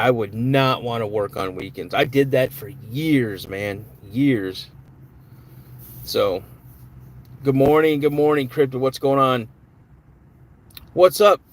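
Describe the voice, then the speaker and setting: A man's voice: medium pitch, slow, pauses often, slight background noise. A man hosting a live stream in a casual, chatty way, greeting viewers by name and answering their comments.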